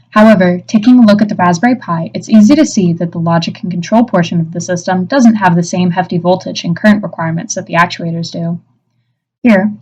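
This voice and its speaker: A woman's voice: on the low side, a little mellow. A young adult woman reading a scripted infomercial-style product explanation as a student presenter. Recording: dull, band-limited voice recording.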